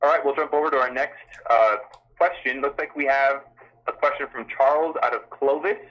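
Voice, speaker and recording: A man with a mid-range voice speaks at a normal speed in a steady tone, moderating a live call-in town hall as a health system official. He is courteous and formal, though a little hesitant. The audio comes through a dull telephone conference line.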